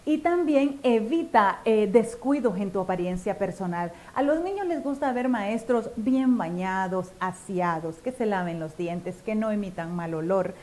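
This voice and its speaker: Expressive woman teaching storytelling. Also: mid-range voice, a little slow, few pauses. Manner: warm, expressive, addresses listener directly as friend. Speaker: storytelling teacher for church children's ministry. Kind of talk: instructional talk.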